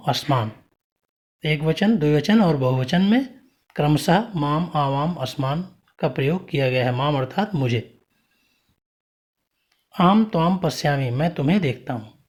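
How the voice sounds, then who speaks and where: A man's voice: a little high, a little mellow. A man teaching a Sanskrit grammar lesson, reciting word forms one by one and explaining what each means. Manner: slow, deliberate recitation of word forms, each followed by its meaning.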